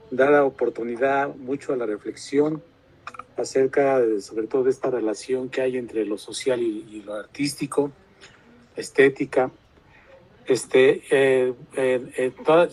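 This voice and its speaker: A man's voice: medium pitch, darkish tone, rough recording. A man asking questions in an academic discussion, hesitant and full of fillers. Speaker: audience member asking questions.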